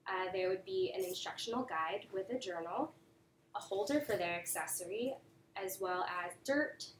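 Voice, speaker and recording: A woman's voice: mid-range voice, moderate pace. A young woman with a stuffy, nasal voice giving a thesis presentation, earnest and dotted with ums and uhs. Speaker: graduate student presenting a thesis. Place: presentation room. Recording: echoey room, voice from a distance, faint room noise.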